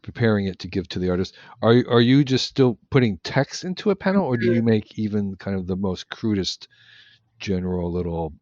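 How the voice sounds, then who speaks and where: A man's voice: on the low side, expressive, a little fast, darkish tone, dry recording. A man hosting a casual interview podcast, asking questions hesitantly with many fillers and restarts. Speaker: podcast host. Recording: dry, dull lo-fi sound.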